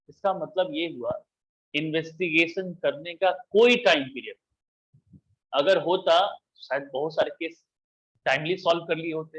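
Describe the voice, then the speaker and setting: Husky, high-voiced man teaching law. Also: fairly bright tone, highs cut off. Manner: explains step by step, asks and answers his own questions. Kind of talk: classroom lecture.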